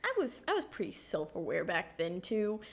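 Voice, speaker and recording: A young woman co-hosting a podcast, telling stories in a casual, animated way with lots of fillers. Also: on the low side, normal speed, gravelly. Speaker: podcast co-host. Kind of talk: casual chat.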